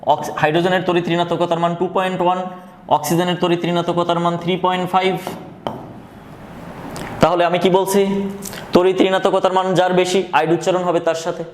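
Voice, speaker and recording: A man teaching a chemistry lesson, asking questions and answering them himself, repeating key phrases slowly. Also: high voice, level tone. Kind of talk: recorded classroom lesson. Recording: echoey room with faint background noise.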